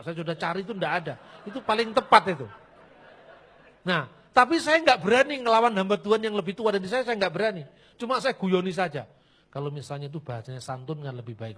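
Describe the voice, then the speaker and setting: A man speaks in a blunt, joking sermon style. His voice sits high for a man, and he slips into local phrases as he talks. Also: a bit bright. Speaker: preacher. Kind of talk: animated sermon talk.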